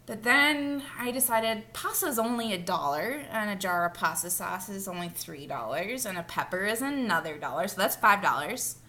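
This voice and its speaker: A woman's voice: mid-range voice, expressive, moderate pace, hardly any pauses, sharp tone. A woman co-leading a mentor training, talking through slides in a plain, friendly way. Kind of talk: casual training talk.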